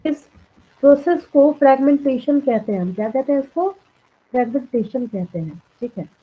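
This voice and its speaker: A woman biology teacher giving a classroom lecture, dictating notes slowly word by word and often checking that students follow. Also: sits high, husky. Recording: tinny phone-like sound.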